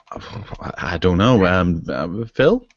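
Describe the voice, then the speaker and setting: Deep-voiced man hosting a tech chat. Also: no echo, muffled recording. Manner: relaxed, chatty, leads the segments. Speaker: podcast host. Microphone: online video call.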